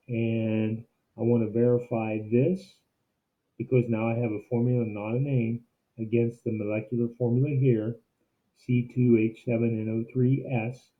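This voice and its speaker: Man narrating a demo, phone-like sound. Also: medium pitch. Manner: explanatory, step-by-step. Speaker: teacher giving a software demo. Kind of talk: instructional screencast narration, semi-scripted. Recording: muffled, narrow phone-like sound.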